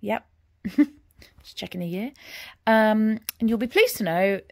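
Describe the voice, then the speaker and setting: A woman in her forties giving a casual, rambling progress update on her stitching at home, often trailing off into quiet murmurs as she counts. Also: mid-range voice, expressive, slow pace, creaky, no echo, clean studio sound. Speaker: cross-stitch vlogger.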